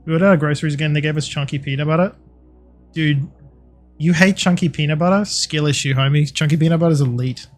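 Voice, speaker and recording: A man's voice: a little high, fast, faint music behind. A young man chatting casually and swearing freely while streaming a game. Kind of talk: casual live-stream chat while gaming.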